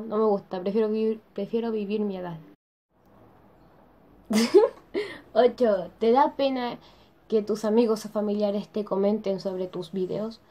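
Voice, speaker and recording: A woman's voice: mid-range voice, dark tone. A young teenage girl chatting casually to camera from her bed in her bedroom, giggling often and filling her talk with "o sea". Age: young teen. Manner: says she is shy. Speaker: youtuber. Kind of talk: casual chat.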